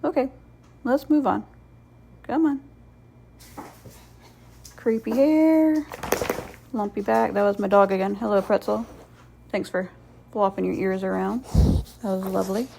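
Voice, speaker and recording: A woman hosts a craft video with a creaky, fry-edged voice at an ordinary female pitch. Her commentary is casual and rambling, dryly sarcastic in a playful way and quick to mock herself. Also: noisy background. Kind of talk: casual voice-over commentary on painting.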